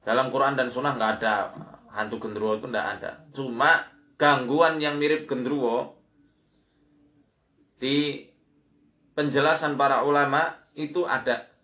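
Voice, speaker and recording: A man giving an instructional religious lecture as an Islamic preacher, often repeating key phrases. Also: mid-range voice. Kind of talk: religious lecture with recited Arabic prayers. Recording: dull lo-fi audio.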